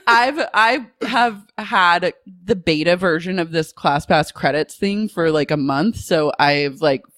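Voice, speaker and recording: A woman's voice: fairly low pitch, a little slow, fairly bright tone, no room sound. A woman co-hosting a comedy podcast, chatting sardonically with casual swearing. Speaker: podcast co-host.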